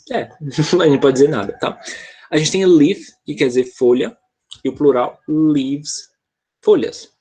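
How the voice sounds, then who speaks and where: Husky-voiced Brazilian man teaching English. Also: a little high, darkish tone. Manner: explains patiently, checks in with frequent "tá?". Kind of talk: online class explanation.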